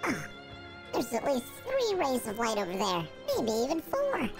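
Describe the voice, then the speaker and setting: A man's voice: measured pace, vocal fry, over music, full character voice. A man through a voice changer as bubbly origami girl Olivia. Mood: excited. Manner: bubbly, excitable, sing-song. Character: cheerful young origami girl companion. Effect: voice changer pitching the voice up. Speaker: let's play gamer reading a character's lines.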